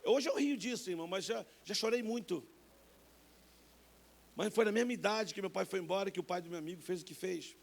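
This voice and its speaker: In a church sanctuary, a man in his fifties with a Brazilian Portuguese accent preaches a personal testimony, calling listeners brother. His voice is high, brisk, and gravelly, and he animatedly acts out the voices of people in his stories.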